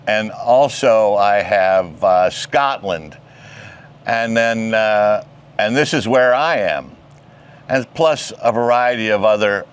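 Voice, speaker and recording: Clear and resonant, with a lowish pitch, this older ham radio vlogger walks viewers through things step by step in a relaxed way. He stands outdoors in a suburban backyard near the patio and shed, wearing a wireless lapel mic on his shirt.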